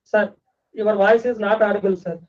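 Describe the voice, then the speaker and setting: A woman comes through a patchy, dull-sounding call line, her voice thin and muffled. She talks politely and keeps checking whether the connection works. Her pitch sits in an ordinary middle range. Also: steady tone, normal speed. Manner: polite, repeatedly asking if she can be heard. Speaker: remote caller checking the audio.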